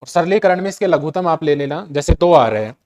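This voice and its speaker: A man's voice: fairly high pitch, expressive, fast talker, darkish tone. A man with a Hindi accent teaching chemistry in a lecture, repeating key steps and asking rhetorical questions to check that students follow. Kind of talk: classroom lecture.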